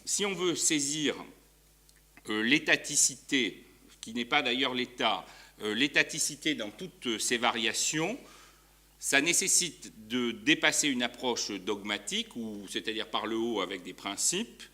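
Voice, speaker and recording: A man's voice: mid-range voice, lively intonation, unhurried, sharp tone. A man giving an academic conference talk as a law professor, hesitant, with frequent fillers and restarts. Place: university lecture hall.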